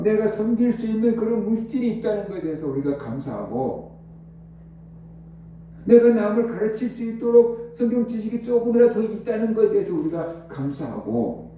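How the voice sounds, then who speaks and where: A man preaches a sermon to his congregation, pressing his points with rhetorical questions. His voice is pitched fairly high but sounds mellow and dark. He is heard from a distance across a very reverberant hall with a faint hum beneath. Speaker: pastor. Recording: very echoey hall, voice from far off.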